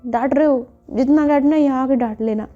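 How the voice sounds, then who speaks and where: A woman's voice: high voice, brisk, warm tone, natural voice. A woman voicing an affectionate, stubborn young woman in love, talking in a pleading, coaxing way. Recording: dull lo-fi with faint music.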